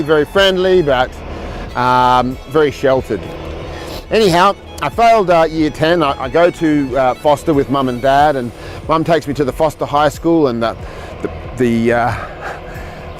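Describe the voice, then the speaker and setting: Australian man telling his story, rambling. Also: mid-range voice. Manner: rambling, repeats words, many fillers. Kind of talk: personal storytelling talk.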